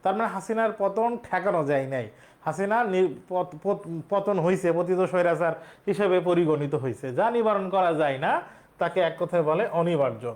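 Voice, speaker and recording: In an exam-prep lesson, a male teacher works through exam questions step by step and quizzes his students. His voice sits high and he speaks at a moderate pace.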